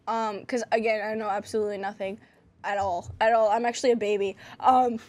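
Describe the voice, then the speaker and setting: A woman's voice: medium pitch, steady tone, brisk, darkish tone. A young woman co-hosting a podcast, chatting casually and self-deprecatingly about films, with plenty of ums. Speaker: podcast co-host. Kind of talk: casual film chat.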